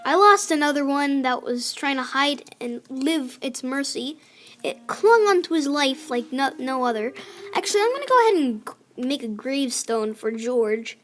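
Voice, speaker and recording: High-voiced girl narrating her game. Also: animated, normal speed, fairly bright tone. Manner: chatty, scolding her game villagers. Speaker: gamer. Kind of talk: casual gameplay commentary. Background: faint music from a clarinet.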